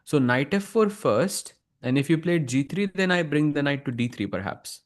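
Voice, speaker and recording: A man's voice: fairly high pitch, lively intonation, normal speed. A man with an Indian accent giving casual analytical chess commentary, explaining as he thinks aloud.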